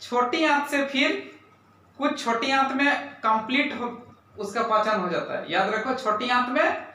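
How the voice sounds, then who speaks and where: Filmed by a distant camera in a very echoey classroom, a man teaches science at a measured pace. His voice is very high-pitched, pushed and bright, and he keeps asking his pupils questions, repeating terms and saying "right?".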